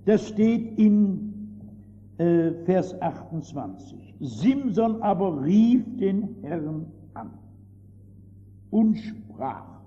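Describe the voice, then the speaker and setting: An older man preaching a sermon with emphasis, dropping to quiet asides and rising to loud exclamations, often turning to his listeners with rhetorical questions. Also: high-pitched, sing-song, very slow, soft background music. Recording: dull old recording with long reverb and faint hiss.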